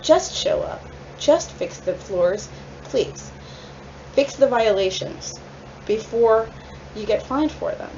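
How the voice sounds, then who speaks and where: A woman, a tenant and mother in her apartment, leaving a formal, measured voicemail of complaint for her landlord's office. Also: on the high side, dark tone. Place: apartment, indoors. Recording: slightly muffled, faint background noise.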